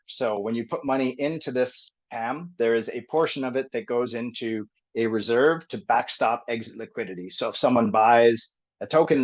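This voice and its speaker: A man presenting a technical topic on a group call, thinking aloud with many pauses and fillers. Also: mid-range voice. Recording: dull lo-fi call audio.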